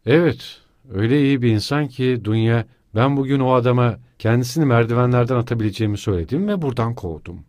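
A man's voice: mid-range voice, fast, few pauses, darkish tone, no echo, natural voice. A man voicing a feverish young male student who speaks in strained, broken-off bursts. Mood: bitter. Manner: strained, breaking off abruptly.

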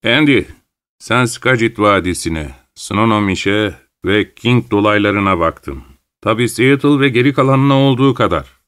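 A man voicing a big burly man in overalls who calls a roll in a loud, commanding, businesslike way. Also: fairly low pitch, expressive, a little slow, clean tone. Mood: calling out.

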